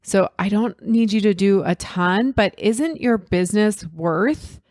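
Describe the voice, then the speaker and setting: Slow-talking woman coaching podcast host. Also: mid-range voice, a little mellow, no room sound, clean studio sound. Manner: encouraging, conversational, addresses listeners directly. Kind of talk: solo podcast coaching talk.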